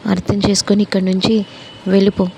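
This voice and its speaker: A woman's voice: mid-range voice, flat delivery, brisk, warm tone, slight background noise, natural voice. A woman voicing a grieving young widow who firmly turns away the man she loves. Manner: firm, sorrowful. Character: grieving young widow refusing her lover.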